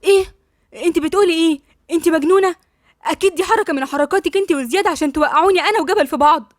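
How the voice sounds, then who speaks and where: A woman voicing a jealous young woman who shouts and shrieks, speaking with an Egyptian accent. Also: very fast, no echo, clean studio sound, lightly acted. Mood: furious, shocked. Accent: Egyptian Arabic. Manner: shrill, shouting.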